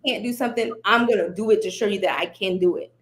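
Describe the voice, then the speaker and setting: A woman appears as a podcast guest, sharing her story in a relaxed, chatty way. She's lively and laughs a lot while quoting herself and other people. Her voice sits in the mid range, and she talks quickly.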